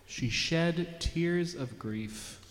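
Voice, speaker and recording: A man's voice: fairly high pitch, animated, very slow. Man restating scripture in a reverberant hall. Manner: restates lines in his own words. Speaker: co-reader. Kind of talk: dramatized scripture reading.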